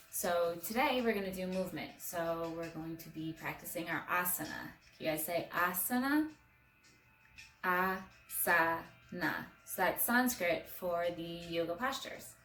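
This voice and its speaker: A woman teaching a guided yoga class for children at home, talking in a friendly, encouraging way. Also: mid-range voice. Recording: echoey room, mic at a distance.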